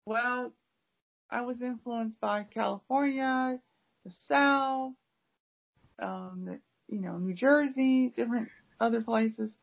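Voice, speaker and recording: Speaking slowly in a creaky, fairly high voice, this U.S. English teacher rambles through a casual conversation full of fillers and false starts. Her audio is dull and lo-fi.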